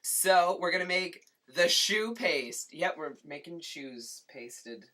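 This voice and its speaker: Speaking slowly at a medium pitch, a cooking show host gives a lighthearted home cooking demonstration in a kitchen, sprinkling in deadpan jokes and playful asides.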